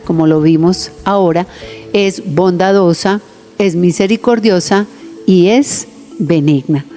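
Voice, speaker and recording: A woman's voice: mid-range voice, mellow. A woman preaching on the radio, speaking earnestly and often turning to address her listeners directly. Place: radio studio.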